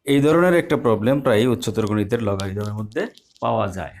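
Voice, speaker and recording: A man's voice: on the low side, lively intonation, fast talker, gravelly, darkish tone. A man teaching a math lesson live online, explaining step by step in a patient way with small hesitations.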